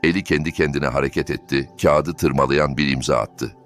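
A man reading a dramatic family story as narrator, in an even storytelling manner. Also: extremely low pitch, moderate pace. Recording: faint background music.

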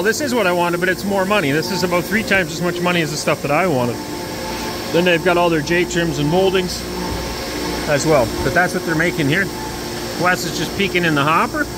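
A man's voice: sits high, a little fast, long pauses. A man in his thirties giving a casual, chatty factory tour on a handheld camera, thinking aloud as he goes. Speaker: vlogger. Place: large factory floor with running machines. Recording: loud factory machinery noise. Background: loud machinery noise.

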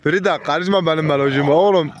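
A man's voice: fast talker, a crowd in the background. Man cooing fondly at his dogs. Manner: coos fondly at his dogs, pitch jumping up. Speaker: dog breeder vlogger. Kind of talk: casual talk to dogs and viewers.

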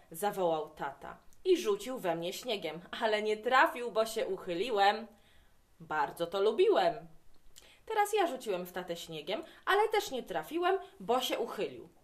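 Woman reading a children's story expressively. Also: medium pitch.

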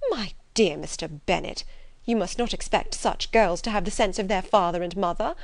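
A woman voicing an excitable, self-satisfied middle-aged mother in a classic novel audiobook, gushing and emphatic. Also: medium pitch, normal speed, gravelly, dry recording, natural voice. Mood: indignant, fond.

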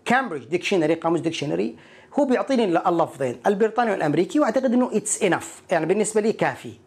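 A man teaching an English pronunciation lesson, explaining each point and repeating words slowly to model them. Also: sits high, big pitch swings, husky.

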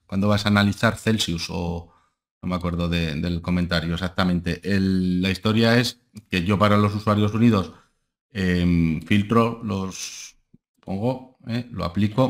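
Indoors in a home room, a low-voiced young Spanish man who analyzes stocks and runs a channel wanders through his charts on a casual screen share. He rambles constantly, dropping fillers such as ¿eh? and ¿vale?.

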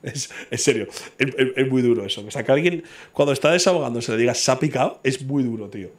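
A man from talks in an ordinary mid-pitched voice. He is blunt and profane, and he circles back to his argument again and again. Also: quick pace. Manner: blunt, swears freely, argues his point over and over. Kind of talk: casual podcast chat.

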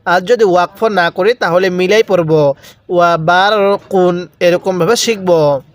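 A high-voiced man from Bangladesh teaches Quran recitation. He stretches each verse out in a slow, clear chant, then explains the rules in quick plain speech. His smooth voice sounds dry and close. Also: no echo. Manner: asks the viewer questions and has them repeat after him. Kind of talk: recitation lesson.

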